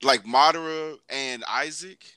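A man's voice: a little high, measured pace, bright, forceful tone, smooth, dry recording. A man hosting a podcast, in slangy, rambling casual chat full of restarts. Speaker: podcast host.

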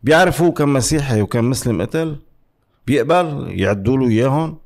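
A man's voice: medium pitch, animated, brisk, darkish tone. A man with a Lebanese Levantine Arabic accent in a heated political debate, arguing insistently, repeating words for emphasis and firing off rhetorical questions. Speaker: interview guest giving political commentary.

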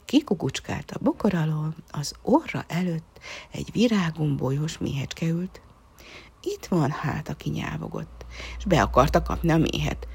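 A woman reading a children's story aloud, softly and often half-whispering. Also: low voice, lively intonation, vocal fry, slightly rough.

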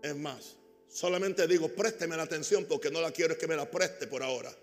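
A man preaching a sermon as a pastor, calling on the congregation to repeat after him and swinging between loud emphatic bursts and quiet asides. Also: on the high side, brisk, long reverb tail, soft background music. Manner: preaching with call-and-response to the congregation.

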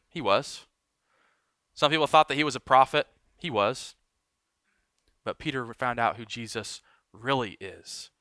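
A man preaching a sermon as pastor, emphatic and building, then dropping to quiet lines for weight. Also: mid-range voice, smooth, dry recording, clean studio sound.

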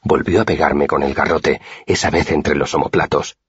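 A man narrating an audiobook in a steady, measured first-person telling, in a dull, dry recording. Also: very deep voice, husky, no room sound.

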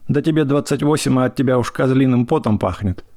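Обиженная молодая деревенская жена, которая восклицает с упрёком, в исполнении мужчины-чтеца. Хрипловатый голос, сухая запись. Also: male voice, medium pitch, quick pace, warm tone, no room sound, studio quality, pitched above the performer's own voice, lightly acted. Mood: reproachful. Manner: exclaiming, reproachful. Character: offended young village wife.

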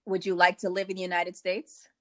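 A woman's voice: fairly low pitch, completely flat delivery, a little fast, fairly bright tone. A woman conducting a conversational interview, asking plain questions and follow-ups in an inquisitive way.

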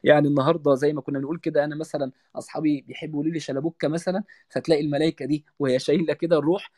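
Egyptian male lecturer, brisk delivery, dry close sound, recites then explains in plain words. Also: a little high, fairly even intonation, a little mellow, dry recording. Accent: Egyptian Arabic. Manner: recites scripture, then explains it in casual everyday speech. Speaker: religious lecturer. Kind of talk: religious lecture.

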